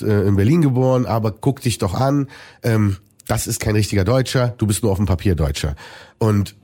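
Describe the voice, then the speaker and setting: A man in an interview, talking earnestly and reflectively with many pauses and restarts. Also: medium pitch, mellow, husky. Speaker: musician guest. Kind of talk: conversational interview.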